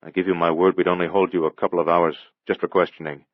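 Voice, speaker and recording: A man playing a male police detective who speaks calmly and guardedly. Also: low-pitched, fast, dry recording, highs cut off. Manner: calm, clipped, guarded.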